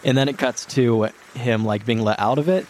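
A man's voice: mid-range voice, moderate pace, a little mellow. A man narrating a tabletop game as game master, in a casual, conversational way. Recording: clear background noise.

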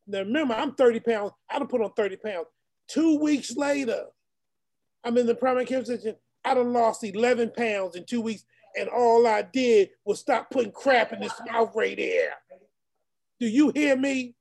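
A man's voice: extremely high pitch, normal speed, gravelly, a little mellow. A man, a deacon, telling a personal testimony to an online meeting in an earnest storytelling way, talking straight to the group.

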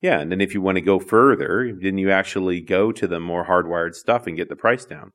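Low-voiced relaxed male podcast co-host. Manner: easygoing, quick to laugh and react. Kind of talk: casual chat.

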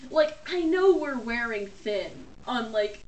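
A woman's voice: on the high side, animated, takes it slowly. A woman co-hosting a casual comedic chat, joking and giggly with playful wordplay. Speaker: podcast co-host. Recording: roomy, distant mic, faint noise.

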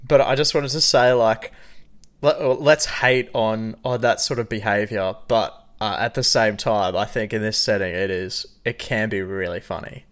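A man's voice: lowish voice, normal speed. A young man co-hosting a podcast, chatting casually and laughing often as he tells stories. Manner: animated, laughs often, jokey. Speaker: podcast co-host. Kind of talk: casual chat.

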